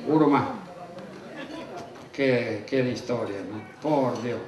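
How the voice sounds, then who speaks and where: An Argentine comedian performs live rural stand-up on stage, telling folksy jokes full of country slang to an audience. He speaks slowly at a medium pitch. The recording comes from a distant mic in an echoey hall, with crowd noise.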